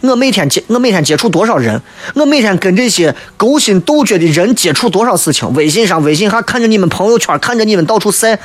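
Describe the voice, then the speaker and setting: A man's voice: high-pitched, animated, fast talker, no room sound. A man in his thirties with a Shaanxi accent from Xi'an, hosting a humorous radio chat in a joking, mock-exasperated manner. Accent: Shaanxi (Xi'an) Chinese. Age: 30s. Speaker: radio show host. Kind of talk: humorous radio chat, reading listener messages.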